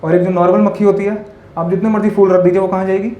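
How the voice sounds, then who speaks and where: A man's voice: sits high, level tone, fast talker, muffled recording, slight background noise. A man giving a spiritual talk to a live audience, telling parables and often checking in with questions to the listeners, mixing in English words. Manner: asks the audience constant tag questions; tells parables and stories. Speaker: monk speaker. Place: hall with an audience. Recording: echoey hall with faint ambience.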